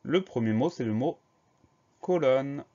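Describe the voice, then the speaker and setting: A male teacher giving a spelling lesson for primary pupils, spelling words out slowly letter by letter. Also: medium pitch, animated, warm tone. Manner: slow, careful letter-by-letter spelling. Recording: slightly dull lo-fi recording.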